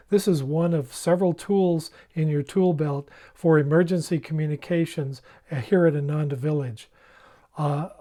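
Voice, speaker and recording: Demonstrating emergency radios, this male presenter walks through an informal, plain-spoken, step-by-step explanation. His voice is a little high and mellow.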